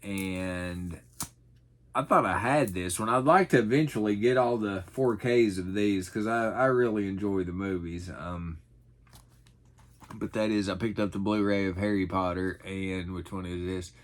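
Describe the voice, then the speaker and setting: A man's voice: deep voice, a little slow. A middle-aged man chatting casually in a folksy, rambling, self-deprecating way, as in an unscripted haul video. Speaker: vlogger showing thrift finds.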